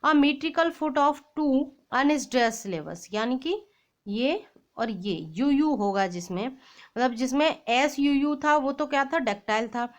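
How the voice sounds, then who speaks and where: A woman English teacher with a high voice and lively intonation leads exam preparation by reading out quiz questions. She goes slowly through each English question before switching to a fast explanation in mixed Hindi and English.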